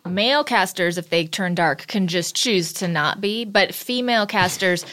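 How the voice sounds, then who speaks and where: A woman's voice: mid-range voice, moderate pace, a bit bright. A woman co-hosting a movie podcast, talking in a wry, playful way. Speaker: podcast co-host. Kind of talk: casual movie review chat.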